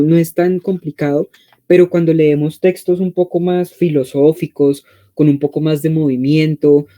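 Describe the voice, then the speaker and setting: Bright-voiced Colombian man teaching online. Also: fairly high pitch. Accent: Colombian Spanish. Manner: conversational, frequent check-in questions. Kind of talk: online exam-prep class.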